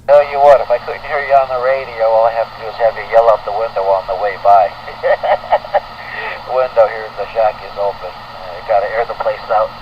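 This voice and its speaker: This middle-aged or older man, serving as radio net control operator, has a fairly low voice and a moderate pace. Chatty and folksy, he rambles through a net roll call from an indoor radio room with an open window, heard over distant, noisy, dull ham radio audio.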